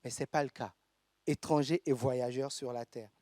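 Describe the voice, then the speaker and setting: A man from Togo, preaching a sermon in a church and reading scripture aloud with measured pauses. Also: medium pitch, steady tone, warm tone, dry recording, studio quality. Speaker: pastor.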